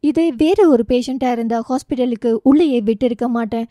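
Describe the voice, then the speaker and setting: A brisk, commanding surgeon in an audiobook romance, as a woman narrator puts her on, scolding and issuing quick orders. The voice is high and mellow, dry and close to the mic. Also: no echo, lightly acted. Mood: stern.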